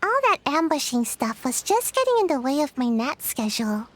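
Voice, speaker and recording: Very high-pitched, bouncy, drowsy young girl ninja, offhand, teasing, game voice. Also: sing-song, moderate pace. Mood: reflective. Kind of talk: game voice acting.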